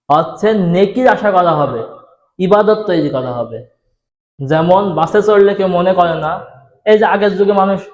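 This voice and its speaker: A man's voice: high-pitched, highs cut off. Man preaching into an echoey PA. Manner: asks the audience rhetorical questions; speaks softly into a microphone. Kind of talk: Bengali Islamic sermon. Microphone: microphone on a PA system.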